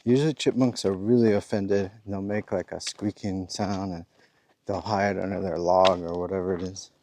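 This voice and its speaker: A man's voice: deep voice, fairly even intonation, normal speed, darkish tone. A man vlogging casually while walking a forest trail outdoors, rambling easygoing talk with chuckles. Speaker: thru-hiker vlogger.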